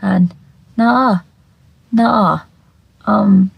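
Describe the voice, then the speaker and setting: A makeup video creator chats casually to camera in a croaky, just-woken voice, rambling in a scatterbrained, sweary way and repeating phrases. The voice is medium-pitched and extremely slow, and the recording is dry and muffled.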